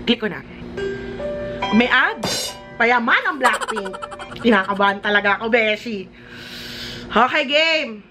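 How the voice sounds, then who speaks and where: A young Filipino woman with a Filipino accent reacting to a music video, excitable and squealing. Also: a little high, unhurried, long pauses. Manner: excitable, squealing, mixing Tagalog and English slang. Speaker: YouTuber. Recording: music playing loudly behind. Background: loud music from the video.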